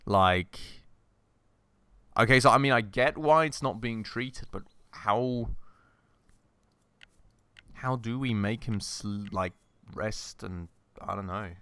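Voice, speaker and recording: A man hosting a let's-play, thinking aloud with many fillers and self-corrections, his voice slightly husky from a recent illness. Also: fairly low pitch, pushed and bright. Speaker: gaming channel host. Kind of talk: casual let's-play commentary.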